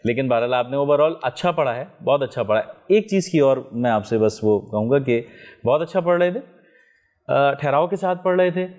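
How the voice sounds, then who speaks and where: A man's voice: mid-range voice, animated, moderate pace, a little mellow. A man judging a recitation contest, giving encouraging advice to a young performer. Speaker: competition judge.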